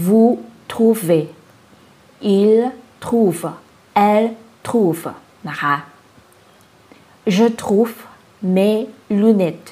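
Woman language teacher, unhurried and careful, drills verb forms one word at a time. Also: medium pitch. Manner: spells out verb forms word by word, then explains them; adds soft polite particles and small laughs. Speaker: French teacher. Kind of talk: slow, careful language lesson.

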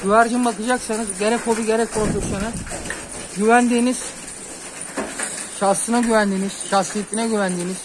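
In a high, steady voice, this pigeon keeper speaks briskly but pauses often while phone-filming on an outdoor rooftop. His casual vlog talk is earnest and advisory, punctuated by soft hisses to summon the pigeons.

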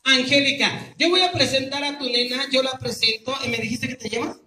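A man with a Mexican accent performing as a street clown, teasing and calling loudly to an outdoor crowd. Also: very high-pitched, fairly even intonation, brisk, faint music behind. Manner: loud, teasing, calling out to the audience. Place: outdoor public square. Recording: echoey, distant and noisy.

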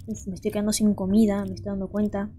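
A woman's voice: mid-range voice, flat delivery, fast, warm tone, a little hiss or hum. A young woman, hosting a let's play and chatting to viewers as she thinks aloud. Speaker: gaming channel host.

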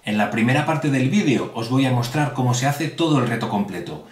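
A man teaching a hand-clapping rhythm in a video tutorial, speaking slowly and clearly and addressing viewers directly, indoors at a table. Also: mid-range voice, animated, far from the mic. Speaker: music teacher. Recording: roomy sound with music behind.

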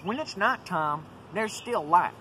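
This young man's high, expressive voice moves at a measured pace as he hosts a folksy instructional video outdoors among trees. He explains things casually to a handheld camera a few metres away, whose mic also catches the surrounding ambient noise.

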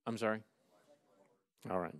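A middle-aged man chairing a council meeting, reading resolutions aloud in a brisk, formal way from a desk mic. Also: lowish voice, steady tone, fairly bright tone. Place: large council chamber, seated at dais. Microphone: desk gooseneck mic.

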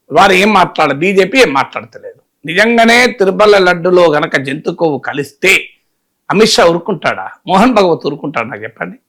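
A man's voice: high voice, bright, forceful tone. A man giving political commentary, emphatic and full of rhetorical questions. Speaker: political analyst.

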